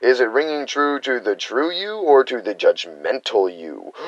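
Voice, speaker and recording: An American man from the United States delivers an unscripted, rambling but earnest spiritual teaching, occasionally acting out the reactions he quotes. His medium-pitched voice is very animated and a little slow. The audio is dull, with no room sound.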